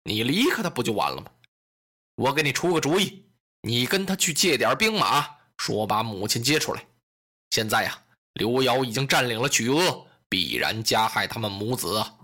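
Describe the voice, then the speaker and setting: A man voicing a cheerful, shrewd middle-aged strategist who gives relaxed, knowing advice. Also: mid-range voice, normal speed, voice pushed down. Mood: scheming.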